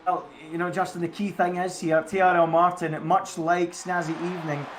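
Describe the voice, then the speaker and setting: A man's voice: high voice, little pitch movement, normal speed, a little hiss or hum. A man giving co-commentary and analysis on a live esports race, chatty and fond of rhetorical questions.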